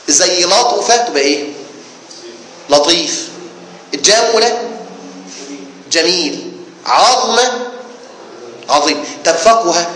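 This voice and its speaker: A man's voice: sits high, a bit bright. A man with an Egyptian accent teaching a lesson on jurisprudence to a class, putting questions to his students and then answering them himself. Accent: Egyptian Arabic. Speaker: sheikh teaching Islamic jurisprudence. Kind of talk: classroom lecture. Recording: echoey hall with faint background noise.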